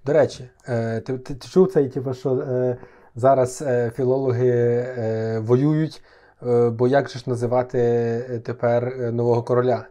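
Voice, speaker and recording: A man trades dry jokes on a podcast. His voice is warm and mellow, and his absurd stories come out perfectly straight-faced. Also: medium pitch, moderate pace. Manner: dry, deadpan jokester, spinning absurd tall tales. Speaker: podcast co-host. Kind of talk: casual joking chat.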